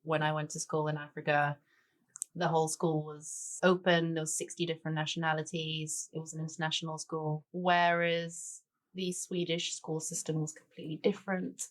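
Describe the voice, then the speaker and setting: A woman's voice: low-pitched, level tone, moderate pace. A woman in her forties, raised in Tanzania, chatting easily as a guest chef in an interview. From grew up in Tanzania, born in Denmark. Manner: chatty, with many "sort of" and "you know". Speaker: guest chef and cookbook author. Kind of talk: relaxed conversational interview.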